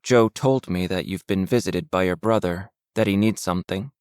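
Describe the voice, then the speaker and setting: A man's voice: deep voice, moderate pace, darkish tone, clean tone, no echo, studio quality, natural voice. A man voicing an aloof wealthy woman medium. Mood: cool.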